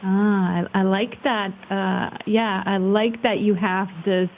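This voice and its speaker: Joining a remote call as an interview guest, a Swiss woman who works in marketing speaks thoughtfully and hesitantly in casual conversation. Her mid-range voice is slow and steady in tone. The line sounds muffled and phone-like, with hiss.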